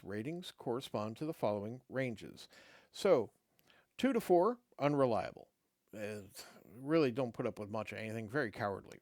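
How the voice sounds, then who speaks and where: A slightly mellow, medium-pitched middle-aged man hosts his own show, working through a game rulebook aloud with casual side remarks. Fillers and restarts break up the halting stretches between passages. His throat is dry, his voice fading as he loses it, captured on a dry recording.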